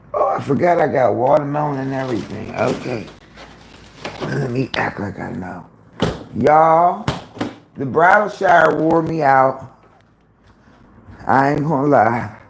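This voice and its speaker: A man in his fifties hosting a casual livestream from home, gossiping with viewers in an animated, profane way. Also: medium pitch, vocal fry, a little hiss or hum, low-quality recording. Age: 50s. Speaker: livestream host. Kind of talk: casual live-stream chat.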